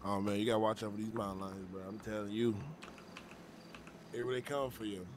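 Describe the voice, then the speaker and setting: A man's voice: fairly low pitch, fairly even intonation, brisk. A man in casual in-character game chat, talking slangily over faint ambient noise.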